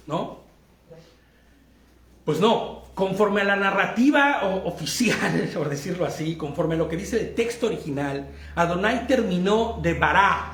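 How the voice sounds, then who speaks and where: A Mexican man with a high-pitched voice and a Mexican Spanish accent leads an interactive Bible study lesson, constantly putting questions to his listeners and laughing easily as he explains. His tone is a bit bright, and the recording has a roomy echo along with a little hiss or hum.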